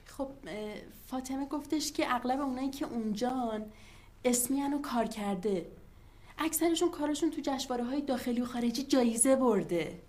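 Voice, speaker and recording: A woman's voice: high voice, darkish tone, close to an everyday voice. A woman playing a persuasive office worker who is scheming and coaxing in a TV drama. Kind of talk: TV drama acting.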